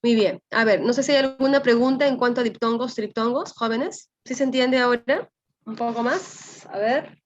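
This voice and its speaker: A woman's voice: fairly high pitch, normal speed, a little hiss or hum. Peruvian woman teaching a class online. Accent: Peruvian Spanish. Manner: explanatory, often adds "¿no?" as a check. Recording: slightly dull lo-fi audio.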